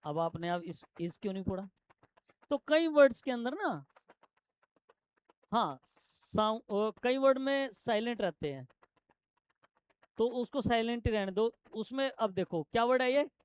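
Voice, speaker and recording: A man teaching shorthand to a classroom, explaining step by step and quizzing his students with quick questions. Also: very high-pitched, animated, clear, resonant tone, dry recording. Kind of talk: classroom lesson.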